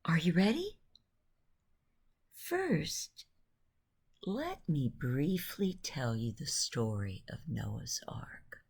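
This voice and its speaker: Here a woman guides listeners through a bedtime story, speaking softly and calmly in a breathy near-whisper with long pauses. Her voice sits low and has a sing-song lilt.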